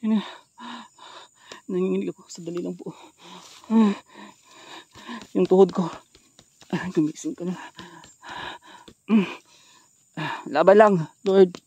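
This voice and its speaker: A man's voice: high-pitched, steady tone, slow pace, pauses often, darkish tone, slightly rough, dry recording. A man with a Filipino accent hosting a ghost-hunting vlog, startled and shaky as he talks straight to his viewers. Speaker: ghost hunter vlogger. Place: outdoors at night in rural brush. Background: crickets chirping.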